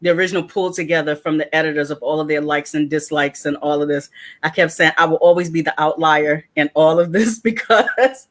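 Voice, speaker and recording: A low-voiced woman from Washington, D.C. hosts a casual panel chat, speaking fairly quickly. She's an animated storyteller who acts out the quotes in her stories.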